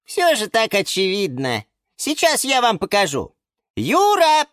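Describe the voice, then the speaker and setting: A man voicing a fussy, excitable male lemon houseplant who turns shrill when upset, in a children's storybook. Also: unhurried, dry recording, studio quality, full character voice.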